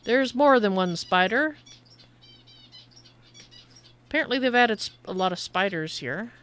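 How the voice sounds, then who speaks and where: A woman with a mid-pitched voice gives casual live commentary on a game she is streaming. She often drops into muttering, as if talking to herself. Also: lively intonation, fairly quick, fairly bright tone.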